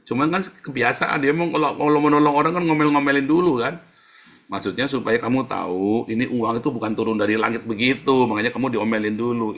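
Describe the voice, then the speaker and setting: A male pastor preaching a casual sermon, talking to the congregation in a conversational, animated way with rhetorical questions. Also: lowish voice.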